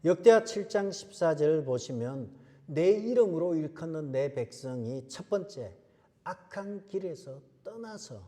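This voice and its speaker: A man's voice: a little high, animated, measured pace, dark tone. A man preaching a sermon as pastor, emphatic, repeating key phrases and asking rhetorical questions. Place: church sanctuary. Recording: church hall reverb.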